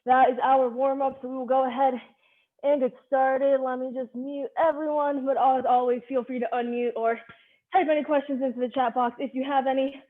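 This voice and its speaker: Casting: female online HIIT coach with a higher-than-average voice, instructing in brief directive cues and counts, heard through narrow, phone-quality audio. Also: little pitch movement, normal speed. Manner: directive, short clipped cues. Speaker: fitness instructor leading a live online HIIT class. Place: live online video class.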